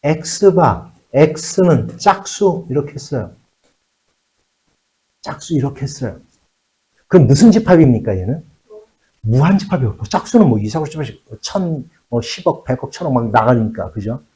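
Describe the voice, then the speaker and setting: A man teaching high school math in a classroom, repeating key phrases and checking in with the students again and again. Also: big pitch swings, unhurried, mellow, poor audio. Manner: switches between polite and casual speech. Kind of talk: classroom lecture.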